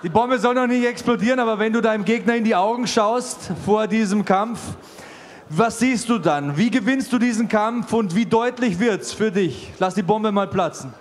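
A man in his forties hosts a fight event interview, talking fluently and building hype for the bout. His voice is pitched notably high for a man. He speaks into a handheld mic at an indoor venue. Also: moderate pace. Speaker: host and commentator.

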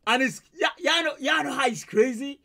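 A fairly high-voiced man in his thirties, hyped and often laughing as he reacts to a concert clip. He talks straight to his viewers through a headset mic in a small home studio. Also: moderate pace, creaky, sharp tone, soft background music. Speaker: reaction video host. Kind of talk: excited reaction commentary. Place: small home studio with purple lights, indoors.

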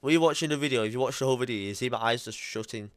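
A young YouTuber chats casually on a call from his gaming room at home, speaking bluntly and emphatically with the occasional curse. His voice is medium-pitched and rapid, with no echo.

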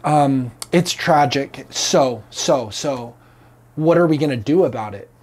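A man's voice: medium pitch, slow pace, darkish tone. Earnest man preaching to camera. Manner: earnest, emphatic, gesturing widely. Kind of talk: impassioned teaching to camera. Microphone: lapel mic.

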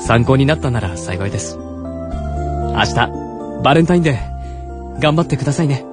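A man voicing a gentle young male senior student who speaks softly, politely and earnestly, in a Kansai accent, in a radio drama reading. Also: mid-range voice, animated, normal speed, over music, lightly acted. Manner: soft and polite, turning earnest and intimate.

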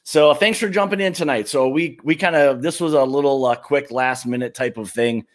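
A middle-aged man hosting a casual livestream from a home bar, talking in a relaxed, rambling way with lots of fillers. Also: mid-range voice, normal speed. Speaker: livestream host. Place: home bar room lined with bottles.

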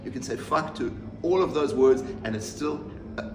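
A man in his fifties from South Africa, an artist answering interview questions in a measured, reflective way with pauses and restarts. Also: mid-range voice. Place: room with bookshelves, seated in leather armchair. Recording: roomy, distant mic, audible background noise.

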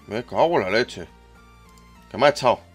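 A young man with a Spain Spanish accent, livestreaming a game in excitable, teasing casual chat. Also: medium pitch, normal speed, soft background music. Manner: excitable, laughs loudly, teasing. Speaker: streamer. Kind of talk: casual live gaming chat.

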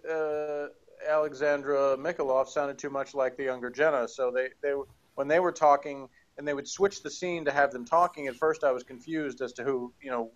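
Indoors at his desk in a home room with bookshelves, a show co-host wearing headphones, in front of a desk camera, casually reviews an audio drama. His mid-range voice rambles, restarts often, and pokes fun at himself. The recording sounds muffled.

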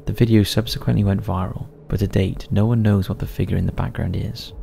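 A man's voice: fairly low pitch, fairly even intonation, fairly quick, gravelly, warm tone, soft background music. A man narrating a scripted countdown of eerie forest stories in a somber storytelling manner.

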